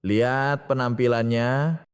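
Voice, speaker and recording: A man voicing a spiteful young wife with a sharp, mocking tongue, in a storybook reading with long reverb. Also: medium pitch, steady tone, slow pace, clear, resonant tone, close to an everyday voice. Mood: sneering.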